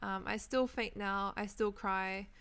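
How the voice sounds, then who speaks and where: A young Australian woman in her twenties talks casually with her viewers as she plays, rambling from topic to topic. Her voice has a gravelly fry at the ends of phrases, yet stays smooth and clear. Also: medium pitch, fairly even intonation, a little slow, a bit bright. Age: 20s. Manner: chatty, rambling, answers viewers' comments. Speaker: Minecraft streamer. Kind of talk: casual chat while gaming.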